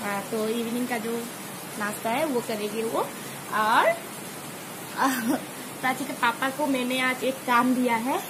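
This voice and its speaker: A woman's voice: fairly high pitch, steady tone, takes it slowly, pauses often, noisy background. A woman chatting casually as a mother vlogging at home, laughing often with many fillers. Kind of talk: casual home vlog chat. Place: home indoors, rain outside.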